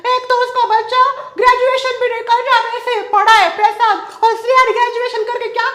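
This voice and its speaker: A man playing a loud, indignant middle-aged mother who scolds and laughs at others in a comedy sketch. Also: little pitch movement. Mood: mocking. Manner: shrill, scolding, quick to laugh. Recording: echoey room, faint music.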